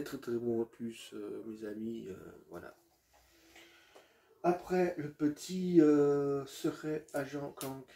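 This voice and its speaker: A man's voice: medium pitch, mellow. A man presenting his video game collection in a casual, hesitant way, with many fillers and restarts, addressing viewers as friends.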